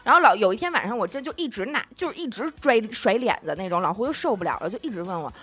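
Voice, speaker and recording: A woman co-hosting a podcast, telling stories in casual chat, animated and laughing often as she acts out quotes. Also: medium pitch, very fast, faint music behind. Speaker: podcast co-host.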